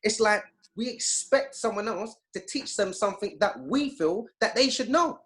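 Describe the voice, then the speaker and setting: A youth activist appears as an interview guest over a video call, his fairly high, slightly bright voice lively in intonation at a moderate pace. His impassioned talk is emphatic and preachy, and he acts out quoted voices.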